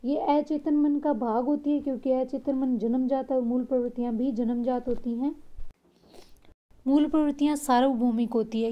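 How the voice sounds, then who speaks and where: A woman's voice: sits high, dark tone. A woman teacher giving an exam-prep lesson, restating each point in simpler words and checking in often.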